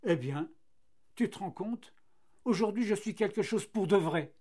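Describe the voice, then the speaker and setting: A man's voice: high-pitched, animated, a little slow, warm tone, pitched above the performer's own voice. A man voicing a cheerful, self-satisfied flax plant that becomes linen and then paper, marvelling at its fortune. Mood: delighted.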